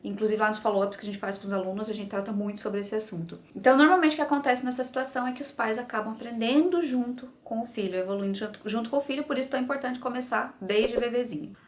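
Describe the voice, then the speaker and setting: A woman's voice: a little high, quick pace, few pauses. A woman in her thirties with a Brazilian Portuguese accent, chatting straight to camera as a parenting coach. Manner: chatty, animated, addresses viewer directly. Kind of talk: casual explainer to camera.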